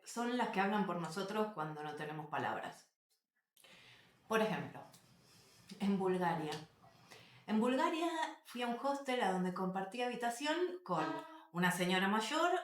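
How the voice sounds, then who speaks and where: A woman, telling travel stories to camera as a vlogger, animated and emphatic, repeating phrases and addressing viewers directly. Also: medium pitch. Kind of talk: casual storytelling to camera. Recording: roomy echo.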